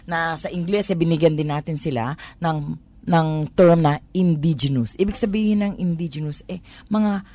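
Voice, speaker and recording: A woman from Manila with a Tagalog accent explains things conversationally on a talk program, her low, mellow voice moving at a moderate pace. She poses rhetorical questions and code-switches between Tagalog and English.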